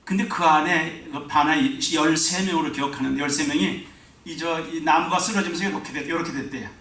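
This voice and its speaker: A man's voice: fairly high pitch, brisk, a bit bright. A male pastor preaching a revival sermon and telling a story with emphatic rises and drops. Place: church sanctuary. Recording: echoey hall, distant mic.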